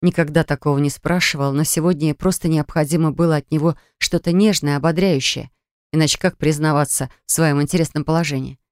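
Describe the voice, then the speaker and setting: A woman reads a dramatic audiobook in an even, measured way. Her voice sits fairly low. The recording is dry and close, with no room around her. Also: smooth, dry recording. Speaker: narrator. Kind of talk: scripted audiobook narration.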